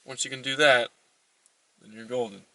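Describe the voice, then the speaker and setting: A man hosting a comedy vlog, explaining driving as a deadpan mock tutorial from inside a car. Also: medium pitch, moderate pace, dry recording, recorded from a distance, poor audio. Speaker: host.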